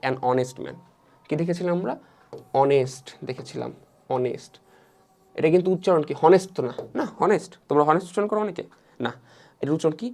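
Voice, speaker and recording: A man's voice: a little high, darkish tone. A man teaching an English grammar lesson, repeating each rule and asking his students questions he then answers himself. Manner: fast, repetitive, asks the students questions and answers them himself. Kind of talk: online lesson explaining grammar.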